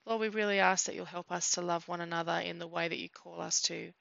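A woman leads a church prayer in an earnest, measured way, pausing now and then. Her voice is low and gravelly with a flat, even line. The recording is dry and a bit dull and lo-fi. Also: dry recording. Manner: earnest, measured, with small hesitations. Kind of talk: spoken prayer. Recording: dull lo-fi sound.

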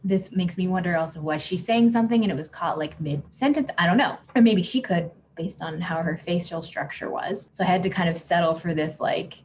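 A woman's voice: on the low side, brisk, hardly any pauses, a little hiss or hum. A woman hosting a podcast in casual chat, talking loosely with many "like" fillers and frequent laughter. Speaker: podcast host.

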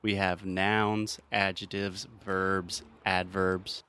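A man's voice: deep voice, level tone, very slow, pushed and bright, clear, resonant tone. A man hosting an English-learning podcast, teasing his guest and explaining grammar patiently with examples. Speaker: podcast host and English teacher. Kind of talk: casual teaching chat.

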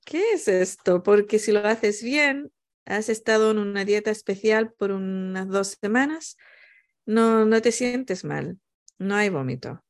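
A woman's voice: mid-range voice, expressive, unhurried. A woman in casual, reflective discussion who often searches for words and drops in bits of English. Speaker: panel participant.

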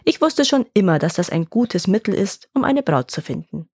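Woman reading jovial old farmer father, storybook, gravelly voice, hearty. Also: medium pitch, big pitch swings, normal speed, dry recording, clean studio sound.

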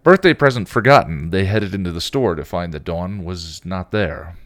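Deep-voiced man narrating a story. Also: moderate pace, no echo, clean studio sound. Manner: expressive, occasional slips. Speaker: podcast host reading fan fiction. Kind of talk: read-aloud story narration.

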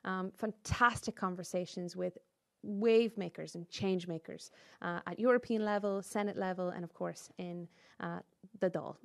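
A woman's voice: fairly low pitch, steady tone, normal speed, vocal fry. A woman with an Irish accent hosting a podcast and interviewing guests in a conversational style. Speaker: podcast host.

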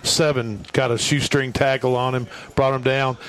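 A man's voice: medium pitch, flat delivery, moderate pace, fairly bright tone. A man giving off-the-cuff football commentary, rambling and repeating his phrases. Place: stadium press box.

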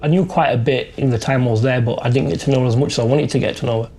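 A middle-aged British man from a Pakistani family, being interviewed, tells a personal story in a casual, colloquial, conversational way. His mid-range voice is steady, somewhat dark in tone, and very fast.

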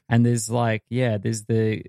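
Gravelly Australian man, dry teasing. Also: medium pitch, dark tone, no room sound. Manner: laid-back, dry teasing. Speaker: podcast co-host. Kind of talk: casual chat.

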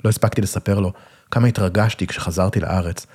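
A man's voice: sits low, steady tone, darkish tone, slightly rough. A man reading a first-person literary story in a wry, self-mocking way.

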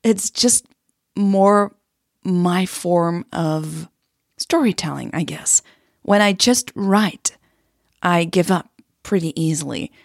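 Speaking slowly in a lowish, creaky voice, this woman pauses often; the recording is dry, with clean studio sound. She hosts a podcast where she narrates scripted stories and chats informally, teasing herself in a playful way.

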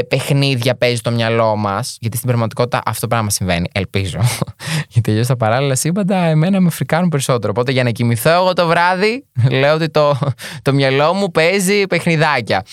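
A young man talks through a podcast episode in a relaxed, chatty monologue and drops in jokey asides. His voice swings up and down a lot, with a middling pitch. The sound is dry and close, with no room echo. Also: clean tone. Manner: chatty and animated, with joking asides. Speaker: podcast host.

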